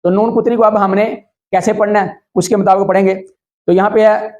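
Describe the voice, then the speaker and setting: A man with a Pakistani Urdu accent teaching tajweed step by step, slowly chanting Arabic words syllable by syllable and checking that viewers follow. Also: sits high, level tone, highs cut off. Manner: asks the viewer if it is clear. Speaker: Quran recitation teacher.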